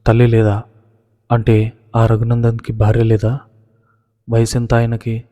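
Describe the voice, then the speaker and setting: A man's voice: medium pitch, monotone, unhurried, mellow, in a large hall, natural voice. A man voicing an anxious, distraught middle-aged mother firing worried questions.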